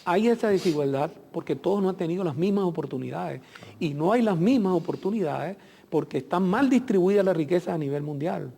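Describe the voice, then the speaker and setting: Venezuelan guy on a tv interview, gravelly, kinda dark voice, long reverb. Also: sits high, lively intonation, brisk. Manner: reflective, speaks in long rhetorical lists. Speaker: consul general, interview guest. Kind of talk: earnest TV interview talk.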